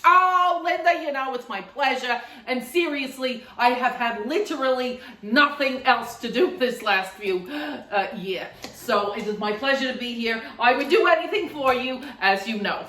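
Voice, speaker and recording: A woman's voice: fairly high pitch, normal speed, hardly any pauses, bright, forceful tone. A woman playing the host's effusive, theatrical best friend in a comedic sketch for nurse education. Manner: effusive and theatrical, bursts into song. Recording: roomy sound from a distant mic.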